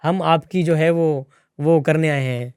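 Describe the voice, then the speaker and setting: A young man playing an overconfident failed singer as a comedy guest, speaking slowly and self-importantly with halting pauses. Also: fairly high pitch, steady tone, darkish tone, clear, resonant tone, dry recording, studio quality. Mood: smug. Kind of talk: comedy interview sketch.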